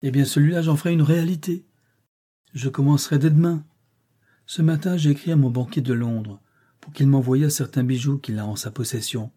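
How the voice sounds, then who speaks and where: A man's voice: medium pitch, steady tone, fairly quick, mellow, husky, lightly acted. A man reading aloud and voicing an ardent, commanding middle-aged master in a classic novel.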